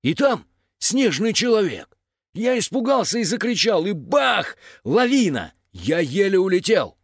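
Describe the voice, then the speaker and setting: A man voicing an excitable young male pterodactyl robot who talks in breathless, exaggerated bursts. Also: high-pitched, unhurried, slightly rough, no echo, studio quality, voice pushed up, full character voice. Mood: excited.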